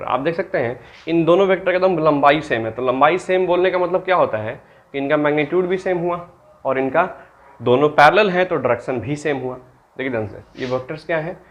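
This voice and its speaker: Heard through lo-fi sound, a fairly high-pitched man from Bihar, India, teaches a maths class. He blends English terms into his Hindi and answers the very questions he puts to the students.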